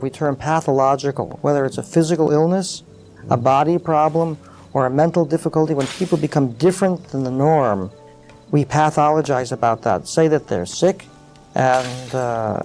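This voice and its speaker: Middle-aged male guest, mellow, slightly high voice, reflective and filler-heavy, soft music behind. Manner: thoughtful, many uh fillers, animated explaining. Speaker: interview guest, psychologist. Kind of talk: reflective interview conversation.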